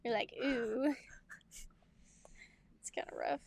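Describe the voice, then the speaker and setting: A woman's voice: sits high, moderate pace. A young woman telling family stories in a casual chat, laughing often and acting out what people said. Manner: chatty storyteller, laughs often, acts out quotes. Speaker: podcast co-host.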